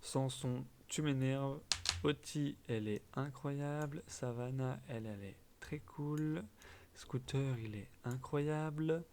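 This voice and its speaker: A young man chatting casually as a gaming video host, giving blunt quick verdicts with trailing fillers. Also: medium pitch, dark tone, a little hiss or hum. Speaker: gaming YouTuber. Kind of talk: casual commentary.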